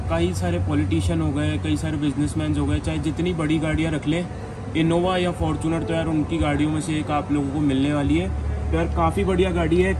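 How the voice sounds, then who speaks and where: A young man talks his viewers through a car in a showroom, loose and chatty, peppering his lines with filler words. His voice sits a bit high for a man, and clear background noise runs under him in the space. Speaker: car reviewer. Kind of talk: casual car walkaround vlog.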